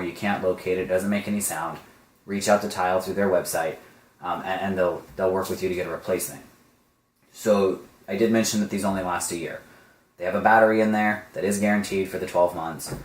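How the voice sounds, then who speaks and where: Deep-voiced man demoing a gadget. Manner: explanatory, filler-heavy, chatty. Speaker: product reviewer. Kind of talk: casual product demo. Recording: echoey room.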